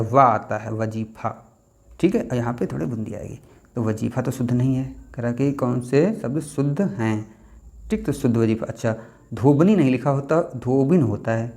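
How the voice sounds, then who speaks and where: A man's voice: medium pitch, darkish tone. Young guy tutoring for a hindi exam, chatty, asks the class stuff and repeats words, medium voice. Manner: repeats words and asks the class questions, slipping in "theek hai". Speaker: exam-prep Hindi teacher. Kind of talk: casual explanatory lesson.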